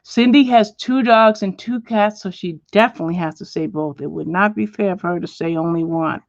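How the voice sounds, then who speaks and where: A woman's voice: on the low side, moderate pace, no room sound, highs cut off. Chatty woman hosting a coloring stream. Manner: chatty, answers viewers by name, drops to a whisper now and then. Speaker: livestream host. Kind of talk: casual chat while coloring, reading viewer comments. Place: at home, indoors.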